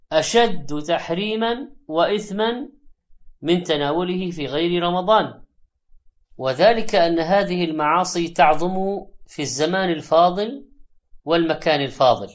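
A man's voice: on the high side, animated. Male preacher in formal standard Arabic, dull recording. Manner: measured, deliberate phrasing with short pauses. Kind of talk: Quranic commentary sermon in formal standard Arabic. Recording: dull, band-limited lo-fi audio.

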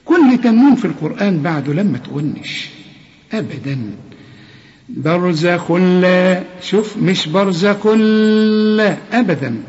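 A man's voice: high-pitched, lively intonation, normal speed, a little mellow. A man with an Egyptian accent teaching Quran recitation rules, correcting each sound and quizzing the listener. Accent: Egyptian Arabic. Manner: corrective, repeats sounds and asks the listener questions. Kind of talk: tajweed lesson with recited examples. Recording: dull lo-fi sound with long reverb.

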